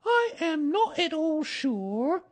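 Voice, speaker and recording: A storybook reader voicing a brisk, motherly female kangaroo who soothes and scolds in a singsong manner. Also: extremely high pitch, animated, voice pushed up, heavily acted. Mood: soothing.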